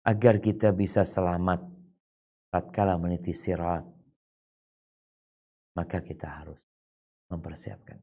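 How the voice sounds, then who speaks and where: A man's voice: fairly even intonation, a little slow, pauses often. A man giving an Islamic lecture, reciting Arabic quotations and then explaining them in casual, chatty speech with colloquial asides. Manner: swings widely between high and low, loud and soft. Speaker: Islamic preacher. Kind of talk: religious lecture.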